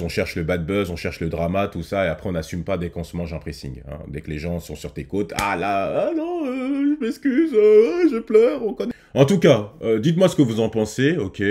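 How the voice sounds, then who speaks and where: A man's voice: low-pitched, animated, moderate pace, a little mellow. A man talking casually to his viewers as a reaction host, hesitant with many fillers and restarts. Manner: addresses viewers directly.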